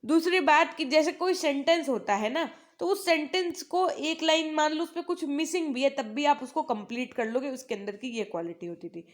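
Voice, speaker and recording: High-voiced Indian woman teacher. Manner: explains in Hindi, reads English lines slowly. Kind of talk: online class lecture.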